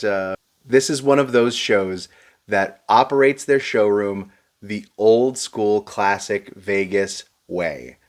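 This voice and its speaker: A man reviewing a show to camera, explaining prices and seating in a steady, advice-giving way with a touch of dry sarcasm. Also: lowish voice.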